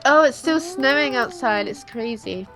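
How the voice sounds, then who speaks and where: A woman's voice: high-pitched, lively intonation, normal speed, fairly bright tone, faint music behind. A young woman from England chatting casually over a game, playful, agreeable and reassuring toward her friend. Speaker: co-host. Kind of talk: casual chat while gaming.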